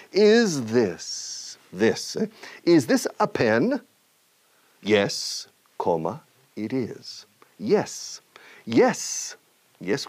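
A man teaching English on television, speaking Spanish with an English-speaking accent and drilling words slowly with emphatic, repeated examples. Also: low voice, a little mellow, dry recording. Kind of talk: televised language lesson. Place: TV studio.

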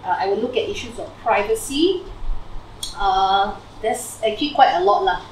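A woman's voice: medium pitch, moderate pace. A young Malaysian woman with a Malaysian English accent, presenting her PhD research to friends in a chatty way, full of fillers and "lah". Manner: chatty, ends phrases with "lah" and "right?", many fillers. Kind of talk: informal talk to friends. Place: living room at home, slide on a TV. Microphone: far camera across the room. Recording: roomy, distant camera audio with faint hiss.

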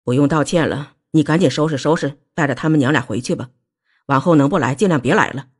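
Woman doing an older father-in-law, lowered voice, curt and dismissive; audiobook. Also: normal speed, slightly rough.

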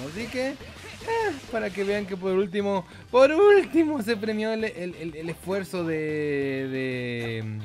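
A man with a high yet darkish voice speaks slowly and with animation, his Chilean Spanish accent coloring his casual gameplay commentary for YouTube. Playful and sweary, he jokes, singsongs and makes silly sound effects against video game music.

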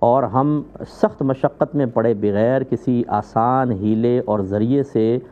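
A man from Pakistan, a mufti, calmly answering religious questions in a measured, methodical way. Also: mid-range voice. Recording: phone-like narrow band.

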